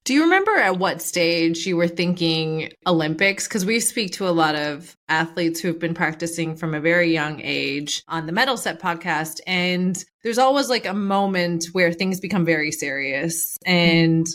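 A Canadian woman hosts a podcast interview in a casual, conversational style. Her voice sits a little low for a woman, and she talks to her guest informally. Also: animated, moderate pace, few pauses, fairly bright tone. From Newfoundland, Canada. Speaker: podcast host.

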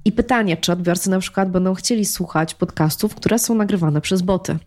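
A woman with a somewhat low voice talks as a guest on a podcast. She is engaged and chatty, often backing up to restart a phrase. Her tone stays conversational throughout. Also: a little fast, darkish tone. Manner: engaged and talkative, with frequent restarts.

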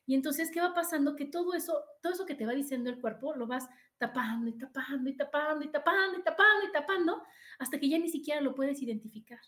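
A woman with a Mexican accent hosting a motivational podcast monologue, animated and repeating phrases for emphasis. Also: sits high, fast, reverberant. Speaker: podcast host.

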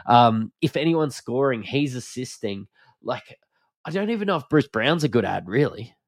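Male podcast host, broad Australian accent, informal sports banter, mid-pitched, dry recording. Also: animated, normal speed, dry recording. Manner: informal, matey, slangy. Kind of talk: casual basketball analysis chat.

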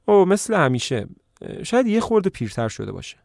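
A man's voice: sits high, sing-song, creaky, a little mellow, dry recording, pitched above the performer's own voice, heavily acted. A man voicing a sly, scheming farmer in a plain, dry, close reading, coaxing and sometimes snapping. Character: scheming middle-aged farmer son-in-law.

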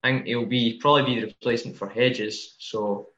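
A man co-hosting a casual fantasy football podcast, relaxed and hedging his picks. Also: medium pitch, a little fast. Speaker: podcast co-host. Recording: roomy, dull lo-fi audio.

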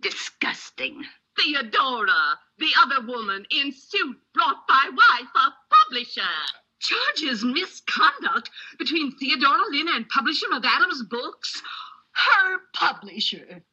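An actress playing a scandalized, gleeful small-town gossip with giddy, exaggerated relish, in 1930s comedy film style on an old soundtrack. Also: female voice, high-pitched, sing-song, takes it slowly, sharp tone, highs cut off, exaggerated voice. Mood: gleefully scandalized.

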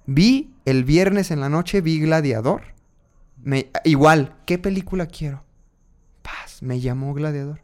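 A man with a voice set a bit higher than most men's. He tells a personal story to his podcast audience in an animated, expressive way, voicing his inner thoughts as little quoted lines. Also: takes it slowly. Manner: animated, acts out his own inner dialogue.

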